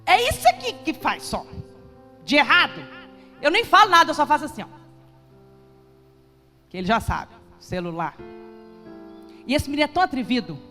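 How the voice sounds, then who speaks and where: A woman pastor preaching a sermon with passion, rising to shouts at its peaks. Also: high-pitched. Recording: echoey church hall with music behind.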